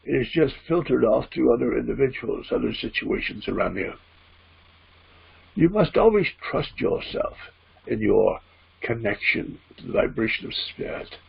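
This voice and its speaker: A man voicing a spirit guide as a trance medium at a seance, teaching solemnly and deliberately in a gravelly, husky voice. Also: mid-range voice, lively intonation, full character voice. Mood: calm, instructive. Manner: seance medium manner, preachy, deliberate, emphatic repeated phrasing. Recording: dull, muffled lo-fi audio.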